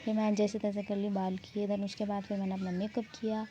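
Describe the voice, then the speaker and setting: A woman's voice: medium pitch, flat delivery, a little fast, mellow. A young woman narrating her vlog in a chatty, rambling, self-mocking way. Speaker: vlogger. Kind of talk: casual vlog voice-over narration. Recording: dull lo-fi sound, faint background noise.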